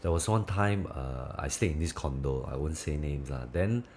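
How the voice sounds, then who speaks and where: A man's voice: extremely low pitch, expressive, moderate pace, a little mellow. A man with a Singaporean accent, chatting casually as a property agent being interviewed, in Manglish-style English full of local particles and slang.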